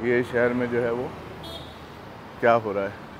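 Middle-aged male vlogger, unhurried and chatty, lapel mic on a noisy city street with traffic clearly heard. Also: medium pitch, little pitch movement, highs cut off. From Pakistan. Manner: unhurried, chatty, many fillers. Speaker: travel vlogger. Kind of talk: casual walking vlog narration. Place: busy city street outdoors. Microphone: clip-on lapel mic. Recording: outdoor street noise.

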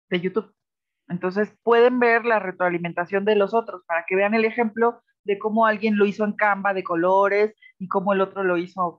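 A woman's voice: medium pitch, no echo. Mexican woman teacher on a dull video call. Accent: Mexican Spanish. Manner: patient and explanatory, checks in with students. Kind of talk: online class feedback lecture.

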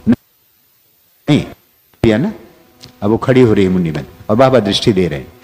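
A man giving a spiritual discourse as a teacher, speaking deliberately with long pauses. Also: lowish voice, big pitch swings, a little mellow.

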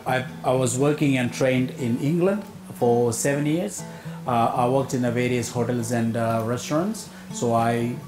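A man in his forties with a South Indian accent, talking informally as a chef in an interview. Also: medium pitch. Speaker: executive chef, interview guest. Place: open-air hotel pavilion demonstration table. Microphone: lapel mic. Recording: roomy echo, music underneath.

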